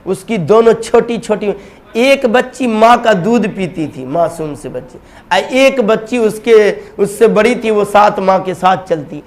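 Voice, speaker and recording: A man's voice: high voice, animated. A male preacher telling a dramatic story in a sermon, emphatic and speaking straight to his audience. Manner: emphatic, addresses the audience directly.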